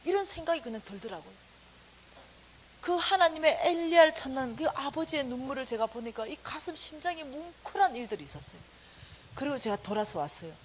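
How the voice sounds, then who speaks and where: A woman's voice: sits high, a little fast, rough recording. A middle-aged woman, a church staff lecturer, telling a personal testimony in a sermon style and acting out the quotes. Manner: animated storytelling, acting out quotes. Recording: faint hiss.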